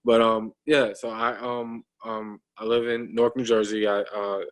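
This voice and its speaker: A man in his thirties speaks over a video call in a low, even voice that barely rises or falls. He talks casually as a guest. He pauses often, with frequent ums and restarts. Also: poor audio. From United States. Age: 30s. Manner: hesitant, many ums and restarts.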